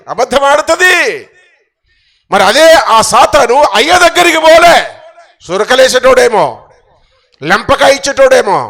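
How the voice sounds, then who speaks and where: High-pitched hoarse gravelly pastor. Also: male voice. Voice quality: strained voice. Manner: fervent preaching with sudden shouts and repeated phrases. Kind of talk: sermon.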